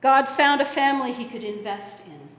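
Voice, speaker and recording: A woman pastor preaching a sermon in a church sanctuary, measured and earnest, leaning on dramatic pauses. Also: sits high. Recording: echoey hall with long reverb.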